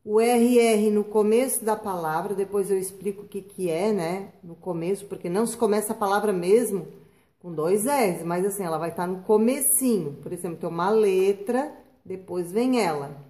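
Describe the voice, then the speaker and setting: A woman teaching children a spelling lesson, patient and slow, drawing out words and checking in with "tá?" and "né?". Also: mid-range voice, warm tone. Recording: echoey room.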